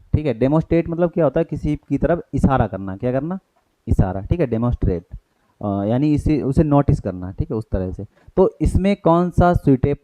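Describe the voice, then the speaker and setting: A man's voice: medium pitch, dark tone, dry recording, low-quality recording. A man with an Indian accent teaching an exam-prep grammar lesson, explaining in Hindi with English terms and asking and answering his own questions.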